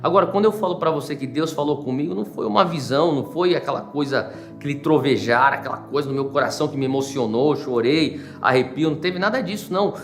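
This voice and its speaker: A male pastor with a Brazilian accent preaches a personal testimony. He tells the story in an animated way, with dramatic swings. His voice sits a little high, and soft music plays beneath. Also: fast talker, few pauses. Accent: Brazilian Portuguese. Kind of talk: sermon testimony.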